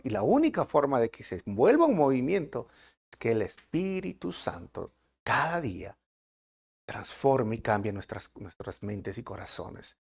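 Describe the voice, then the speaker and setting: Gravelly, animated male preacher. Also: mid-range voice. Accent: Peruvian Spanish. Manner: animated preaching with rhetorical questions. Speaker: pastor. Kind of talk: verse-by-verse sermon.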